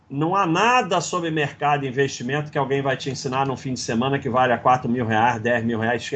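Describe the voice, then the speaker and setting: A middle-aged man with a Brazilian Portuguese accent hosts a live investing stream, going through slides in casual livestream talk. His medium-pitched voice is fairly bright and slightly rough, and he lectures bluntly and with sarcasm.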